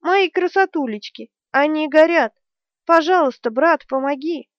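A woman's voice: fairly high pitch, moderate pace, no room sound, close to an everyday voice. A woman doing a wailing half-mad sorceress. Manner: wailing, pleading, broken grammar. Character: crazed whimpering female sorceress, sister. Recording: dry, dull lo-fi recording.

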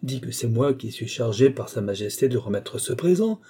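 A man's voice: medium pitch, lively intonation, moderate pace, creaky, mellow, breathy edge. A man voicing a bewildered old baron who talks in a flustered, pleading way.

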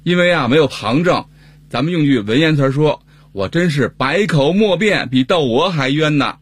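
A man with a husky voice, telling a comic story in a mock-indignant, complaining manner. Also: on the high side, animated, normal speed.

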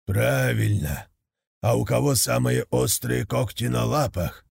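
A man voicing a dying old wise male tiger in a storybook tale, speaking slowly and solemnly with a gravelly voice. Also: mid-range voice, a little mellow, no echo, clean studio sound, full character voice. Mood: questioning. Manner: slow, solemn instructing.

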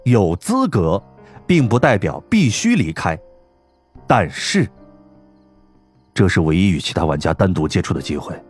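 A man voicing a calm, composed young man who speaks in a flat, clipped way. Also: low-pitched, a little slow, pauses often, husky, faint music behind, voice pushed down, exaggerated voice. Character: cool, composed young man, terse and wary.

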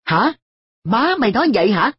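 A reader voicing an earnest schoolboy who scolds his friend in sharp, exasperated questions, in a story reading. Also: mid-range voice, big pitch swings, fairly quick, husky, no echo, lo-fi sound, voice pushed up. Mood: incredulous. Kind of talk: audiobook dialogue.

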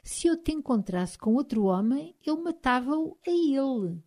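Speaking with a European Portuguese accent, a woman voices an angry, proud young Highland husband, her delivery emphatic and her voice raised. The mood is heated, and she sounds expressive, a little slow, and a little mellow.

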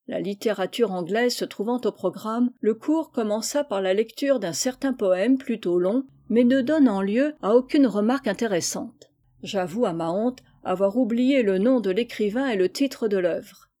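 Female audiobook reader, wry measured narration, mellow voice. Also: mid-range voice. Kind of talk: reading a humorous novel aloud.

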